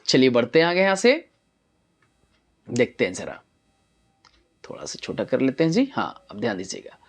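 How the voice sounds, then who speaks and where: A woman's voice: very deep voice, huge pitch swings, moderate pace. A woman teacher explaining a poem line by line, using everyday examples and asking her students rhetorical questions. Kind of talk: poetry lesson explanation.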